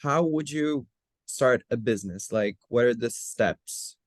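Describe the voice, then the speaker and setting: A man's voice: medium pitch, measured pace, no room sound, studio quality. A male student on a video call, asking the teacher a question hesitantly and opening with fillers. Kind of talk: question in an online class.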